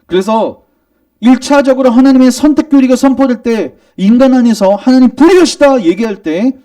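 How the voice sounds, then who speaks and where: A man's voice: extremely high pitch, normal speed, mellow, far from the mic. A male pastor preaching a sermon, questioning the congregation and answering himself, pressing his points with emphasis. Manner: emphatic, rising in argument. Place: church sanctuary.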